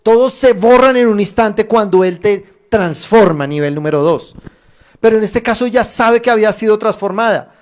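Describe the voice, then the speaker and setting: A man pastor preaching a streamed sermon, addressing viewers directly with emphatic rises and pauses. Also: high voice. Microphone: streamed online service.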